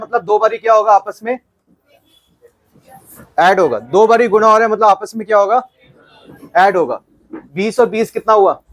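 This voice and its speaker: A man teaching a maths session to a class of youths, playful and quizzing the students often. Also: sits high. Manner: playful, quizzing the class, mixing Hindi and English.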